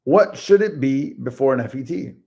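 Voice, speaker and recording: A man's voice: medium pitch, animated, normal speed, creaky, a little mellow. Easygoing man reading out questions. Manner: easygoing, reads questions aloud. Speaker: co-host reading viewer questions. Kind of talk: casual live Q&A.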